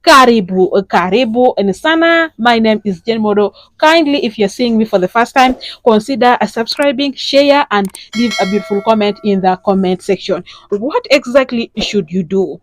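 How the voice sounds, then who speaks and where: A woman's voice: on the high side, moderate pace, hardly any pauses, rough recording. A woman, hosting a casual instructional talk and chatting directly with her viewers. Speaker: host, sex educator.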